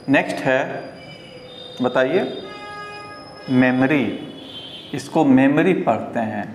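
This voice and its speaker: A man with a Hindi accent teaching English pronunciation at a board, repeating each word slowly and with care. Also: medium pitch. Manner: slow, deliberate, repeats each word several times. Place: classroom with a board. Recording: echoey room with faint ambient noise.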